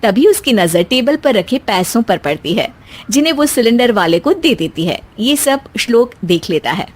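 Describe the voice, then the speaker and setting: A woman's voice: a little high, big pitch swings, normal speed. Woman narrating a scripted story.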